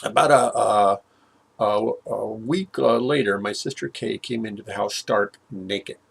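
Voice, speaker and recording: An older man with a gravelly, husky voice haltingly tells a personal story, full of fillers and restarts. At the grim moments his voice sinks low.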